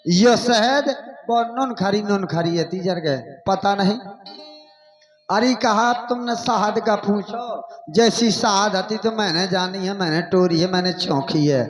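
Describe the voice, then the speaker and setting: High-voiced Bundeli folk storyteller man. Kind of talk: Bundeli folk performance narration.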